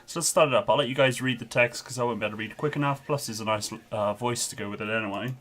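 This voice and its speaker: A man's voice: medium pitch, racing, background noise. Out-of-breath man streaming a game. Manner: chatty, rambling, with frequent ums. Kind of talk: casual live-stream game commentary. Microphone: headset.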